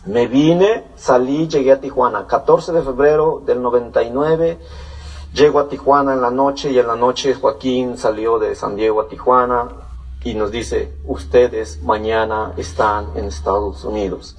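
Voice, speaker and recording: A man's voice: medium pitch, breathy edge, far from the mic. A man from Puebla with a Mexican accent, telling his life story in a rambling, casual way full of fillers and restarts. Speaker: guest telling his testimony.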